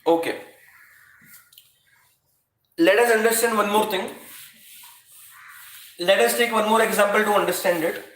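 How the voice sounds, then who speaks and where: A man's voice: sits high, a little slow, pauses often, a bit bright. A man with an Indian accent lecturing to an online class as a teacher, repeating phrases for emphasis and addressing students directly. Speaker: physics teacher. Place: indoor room at a chalkboard. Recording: echoey room.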